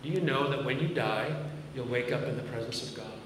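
A pastor in his fifties, speaking briskly in a mid-range voice with a Massachusetts accent, gives an earnest, conversational sermon spiced with dry self-mocking jokes. He stands at a podium mic on the stage of a large church auditorium, filmed by a camera far back in the room. His words ring through the roomy hall with long reverb and clear background noise.

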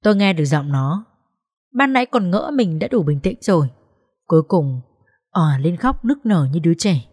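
A woman's voice: fairly low pitch, very animated, moderate pace, darkish tone, slightly rough. A woman narrating a sad first-person story in an emotional, tearful way.

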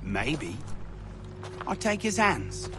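A slow, menacing thug. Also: male voice, a little high, very animated, over music, full character voice. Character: cruel male thug relishing threats.

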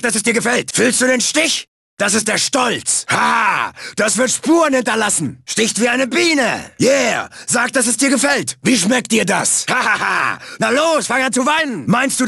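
A man voicing a big, brash, dim-witted bandicoot bruiser for a cartoon video game, cocky, shouty and taunting in a raspy voice. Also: very high-pitched, no room sound, studio quality, exaggerated voice. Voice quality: raspy, gravelly. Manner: cocky, shouty, taunting, third-person bragging.

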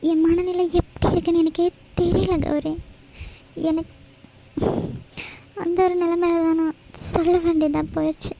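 A woman voicing a distressed young wife in a cartoon, who speaks haltingly through tears. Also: extremely high pitch, little pitch movement, mellow, a little hiss or hum, low-quality recording. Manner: halting, tearful. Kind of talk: cartoon voice acting.

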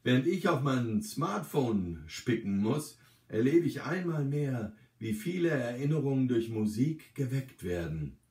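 A man narrating a written story in a calm, gentle reading voice with a medium pitch. The sound is roomy, and he seems to sit some distance from the microphone. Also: a little slow. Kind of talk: scripted narration. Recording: roomy, from the mic.

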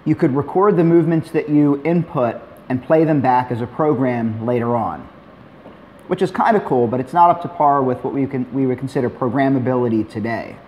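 Middle-aged male tutorial host, mid-pitched, easygoing and plainspoken, faint noise behind. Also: a little fast, dull audio. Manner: relaxed, plainspoken, dry asides. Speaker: maker demonstrating a robot build. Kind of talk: tutorial narration.

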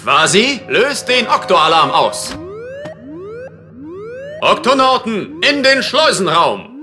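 A man's voice: high voice, big pitch swings, takes it slowly, over music, heavily acted. A man voicing a brave, reassuring male polar bear captain in a children's cartoon audio drama, with a commanding manner.

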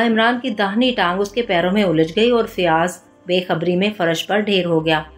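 A woman narrating a detective novel as an audiobook in a steady storytelling voice, with music behind her. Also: medium pitch. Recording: soft background music.

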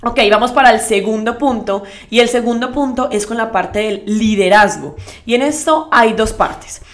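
A woman's voice: fairly high pitch, moderate pace. Emphatic woman coaching her sales team. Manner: emphatic, addresses the audience directly; lively storytelling with asides. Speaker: network marketing team leader. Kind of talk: motivational live talk.

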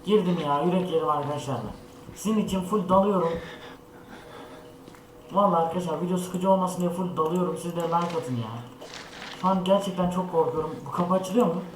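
A man's voice: high voice, fairly quick. A young man hosting a horror game let's play, talking to his viewers in a jittery, scared way. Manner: jittery, talks to viewers, frequent scared remarks. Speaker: gaming channel host. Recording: echoey room with noise.

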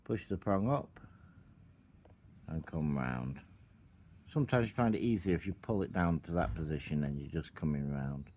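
A man giving a calm, step-by-step tutorial while working with his hands at an outdoor table. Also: a bass voice, normal speed, long pauses, a little hiss or hum. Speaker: product demonstrator.

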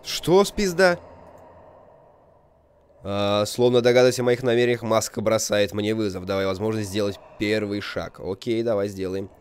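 A man's voice: on the low side, little pitch movement, fairly quick, hardly any pauses, a little mellow, a little hiss or hum. A young man giving casual, rambling, jokey video game commentary, reacting aloud and reading on-screen text. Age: young adult. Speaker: video game let's player.

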